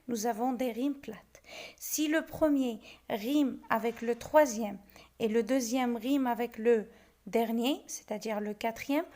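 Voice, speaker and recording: A woman's voice: on the high side, a little mellow. A young woman teaching a French lesson, explaining step by step and sounding out verse syllable by syllable. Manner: slow, syllable-by-syllable scansion of verse.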